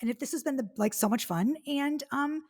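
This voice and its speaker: Woman, late 40s, podcast host; high bright voice, rapid and bubbly, gushes agreement. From United States. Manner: bubbly, quick, effusive agreement. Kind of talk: casual podcast chat.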